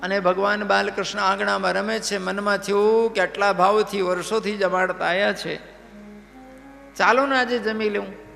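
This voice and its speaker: Animated preacher man, gravelly voice, sermon in a reverberant hall with faint music. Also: high-pitched, moderate pace. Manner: animated, checks in with listeners. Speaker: religious storyteller. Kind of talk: devotional sermon storytelling.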